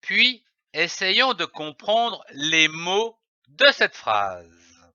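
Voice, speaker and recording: A man teaching a reading lesson for young children, spelling out letters and syllables slowly and deliberately. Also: high voice, sing-song, bright, forceful tone, no room sound. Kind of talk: slow, carefully articulated phonics lesson. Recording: dry, dull lo-fi voice-over.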